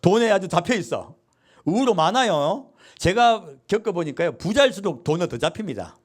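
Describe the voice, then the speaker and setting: This pastor has a high voice and talks at a normal speed. He preaches with energy, questioning the congregation and supplying the answers himself, and dramatizes the quotes he uses.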